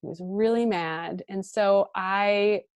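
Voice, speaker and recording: A woman in her thirties, a guest parent coach on an online interview, talking in a warm, animated way with frequent laughs and fillers. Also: mid-range voice, takes it slowly, clean tone, dry recording, studio quality. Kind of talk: conversational interview.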